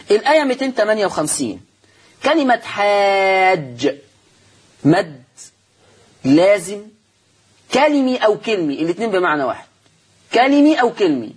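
A man's voice: high-pitched, slightly rough. A man with an Egyptian accent teaching Quran recitation rules on a religious TV program, explaining step by step, asking and answering his own questions and repeating the key terms. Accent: Egyptian Arabic. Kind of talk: televised religious lesson.

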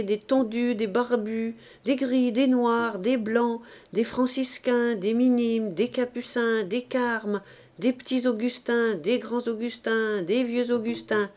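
A woman's voice: fairly high pitch, mellow. A woman reading the part of a jovial young man in an audiobook, talking cheerfully and chattily.

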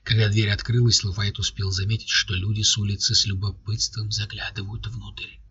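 Husky, tense male audiobook narrator. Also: lowish voice, flat delivery, brisk, sharp tone. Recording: dry, dull lo-fi recording.

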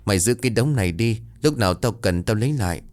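A man voicing a quiet, sad ghostly boy. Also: fairly low pitch, lively intonation, quick pace, natural voice. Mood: gentle. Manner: quiet, gentle.

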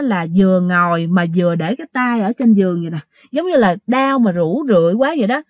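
A woman with a slightly high voice tells a ghost story casually, chatting straight to her listeners and using many fillers. The recording has no echo, and the highs are cut off.

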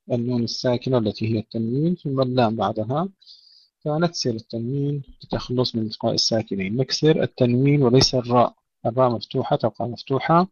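A man teaching tajweed, reciting verses slowly and then explaining the rules plainly to his listeners. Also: medium pitch, a little mellow, breathy edge. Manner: addresses listeners as brothers. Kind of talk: tajweed lesson with recited examples. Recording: dry, dull lo-fi recording.

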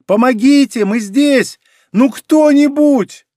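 Audiobook role: man playing panicked young woman, raised pitch, shouting. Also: expressive, normal speed, no room sound, studio quality. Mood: desperate. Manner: frantic pleading shouts. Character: desperate young woman in danger.

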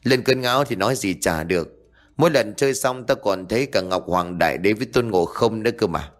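A man's voice: on the low side, a little fast, natural voice. A man voicing a coarse, bullying male gangster in a ghost story. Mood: mocking. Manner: gruff, coarse, mocking.

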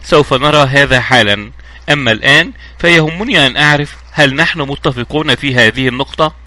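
A man reading the part of an authoritative elderly judge in a measured, clear way. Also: medium pitch, sharp tone. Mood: grave. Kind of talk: audiobook reading.

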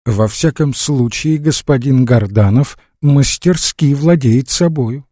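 A man's voice: mid-range voice, takes it slowly, mellow, dry recording, studio quality, pitched above the performer's own voice. A man reading an audiobook voices a poised, inquisitive provincial noblewoman with pointed questions. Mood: probing.

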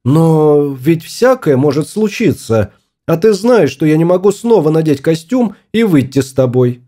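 A man voicing a quarrelsome young wife on a spaceship in an audiobook, with a sharp, scolding manner. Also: fairly high pitch, big pitch swings, unhurried, pitched above the performer's own voice. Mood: worried.

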